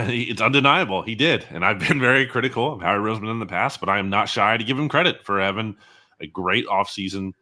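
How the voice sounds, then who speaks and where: A guest football analyst in an interview, this man talks fast in a lowish voice with a bright, forceful tone. His sports commentary is conversational and opinionated, and he often qualifies his points.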